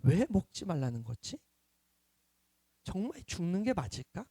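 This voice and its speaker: A man voicing the hushed, suspicious inner doubt of the first couple in a sermon. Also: high voice, big pitch swings, unhurried, slightly rough, no echo, studio quality, exaggerated voice.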